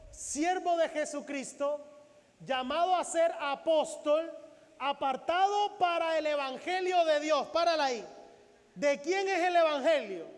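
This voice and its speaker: High-voiced man preaching in a reverberant hall. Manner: preaches with rhetorical questions and acts out biblical dialogue. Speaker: pastor. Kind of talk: Sunday sermon. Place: church sanctuary.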